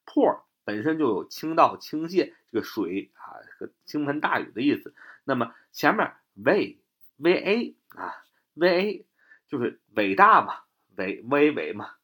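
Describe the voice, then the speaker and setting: A man's voice: medium pitch, big pitch swings, a little slow, pushed and bright. A man with a Chinese accent teaching English vocabulary, spelling words letter by letter and often adding "啊" as filler. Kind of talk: spoken vocabulary lesson.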